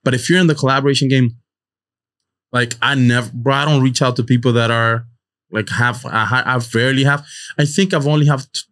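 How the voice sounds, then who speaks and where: A man hosting a podcast in casual chat, talking haltingly with many restarts. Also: mid-range voice, steady tone, fairly bright tone. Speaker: podcast host.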